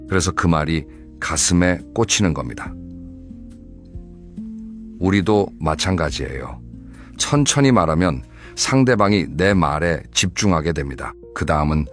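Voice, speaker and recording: A man narrating a scripted advice talk in a calm, measured, instructive way. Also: deep voice.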